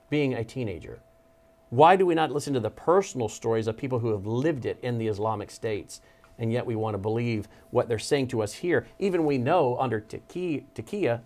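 A man's voice: mid-range voice, a little mellow. A man hosting a television talk show, speaking emphatically as he retells stories from earlier guests. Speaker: television host. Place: television studio.

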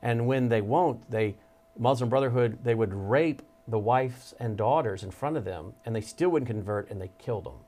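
A man's voice: medium pitch, moderate pace, a little mellow, faint music behind. A man hosting a television talk show, speaking emphatically as he retells stories from earlier guests. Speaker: television host. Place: television studio.

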